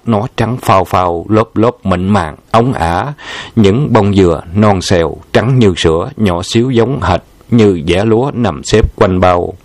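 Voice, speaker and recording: A man calmly reading a memoir aloud in a descriptive storytelling manner. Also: sits low, no echo. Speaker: narrator.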